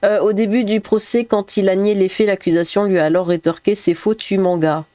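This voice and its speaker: A woman YouTuber reading out viewer comments in casual chat, chatty and quick to giggle between remarks. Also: medium pitch, steady tone, mellow, no room sound. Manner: chatty, frequent fillers, giggles often.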